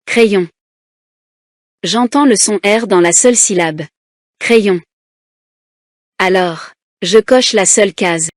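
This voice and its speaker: A woman teacher reading a children's lesson aloud, slowly and deliberately, splitting words into syllables. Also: medium pitch, dry recording, clean studio sound.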